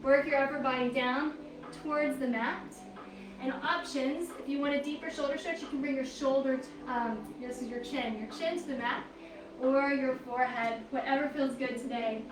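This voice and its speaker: Brief: high-pitched woman yoga instructor, a little out of breath, calm encouraging cues, mic at a distance. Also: moderate pace. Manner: calm, encouraging, counts poses aloud. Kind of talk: guided yoga class cues. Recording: echoey room, mic at a distance, faint noise.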